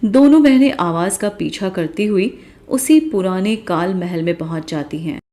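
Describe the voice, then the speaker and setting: A woman giving calm scripted narration of a cartoon story. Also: fairly low pitch, normal speed.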